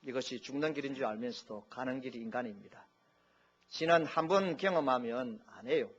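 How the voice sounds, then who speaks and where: A man's voice: medium pitch, fairly quick. Man preaching a joking Sunday sermon. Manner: jokey, mimics regional dialects. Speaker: pastor. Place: church sanctuary. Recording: dull lo-fi church recording.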